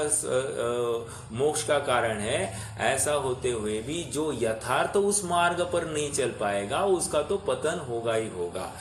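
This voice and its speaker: Guy giving a slow scripture class, lots of pauses, echoey room, faint room hum. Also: a little high. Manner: asks the class questions and repeats their answers; slow and patient, many pauses and fillers. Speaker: teacher.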